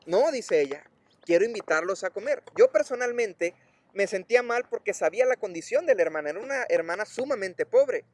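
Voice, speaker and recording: Pastor, high-pitched man, emotive sermon storyteller who voices the people in his story. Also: animated, fairly quick, dry recording.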